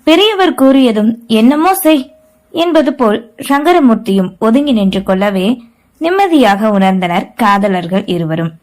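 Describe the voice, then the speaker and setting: A woman's voice: medium pitch, very animated, moderate pace, a little mellow, poor audio. A woman author reading her own audio novel with dramatic storytelling. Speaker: author and narrator.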